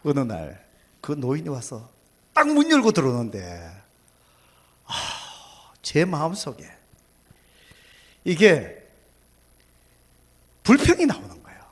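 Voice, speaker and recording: A male pastor, preaching a sermon, swinging between loud exclamations and hushed whispers. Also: on the high side, huge pitch swings, slow, long pauses.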